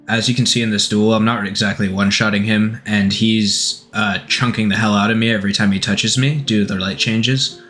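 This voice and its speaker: A young man giving a dry, monotone gameplay commentary voice-over as a gaming video creator. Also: on the low side. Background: soft guitar music.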